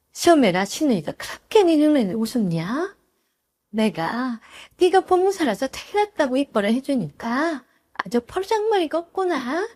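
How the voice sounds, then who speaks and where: A woman's voice: high-pitched, exaggerated voice. A woman doing a nagging old mother-in-law. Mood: indignant. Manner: nagging, shouting, jabbing reproaches. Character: scolding older mother-in-law, bossy and quick to anger.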